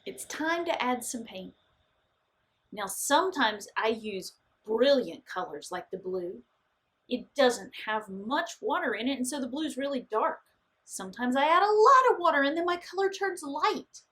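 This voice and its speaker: This art teacher, a woman with a fairly high and slightly bright voice, walks young kids through an art lesson one stage at a time. Her animated pitch rises and falls widely, and she moves at a measured pace, pausing between simple, comforting instructions. Her wording is encouraging and pitched at young learners.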